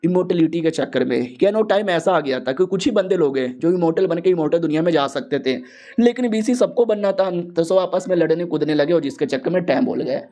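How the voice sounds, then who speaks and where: A man voicing a calm female senior cultivator who explains old history. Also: a little high, fairly quick, natural voice.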